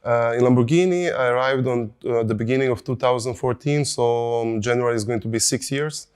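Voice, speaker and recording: Halting man. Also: mid-range voice, darkish tone, clean tone. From Croatia. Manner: halting, searching for words, repeats himself. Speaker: car designer. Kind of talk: interview clip.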